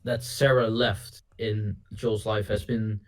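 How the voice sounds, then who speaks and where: A man's voice: on the low side, flat delivery, slow. Hesitant man in a casual chat. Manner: hesitant, restarts words often. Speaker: podcast guest.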